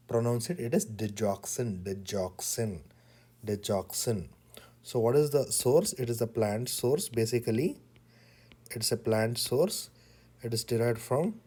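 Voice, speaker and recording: A man teaching pharmacology in a slow lecture, repeating key words in short, deliberate phrases. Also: medium pitch, mellow.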